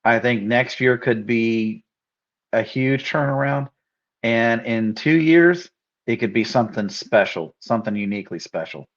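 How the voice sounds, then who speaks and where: A man's voice: mid-range voice, a little slow. A man co-hosting a casual live sports chat, speaking in an earnest, encouraging way. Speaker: co-host. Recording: dull, muffled lo-fi audio.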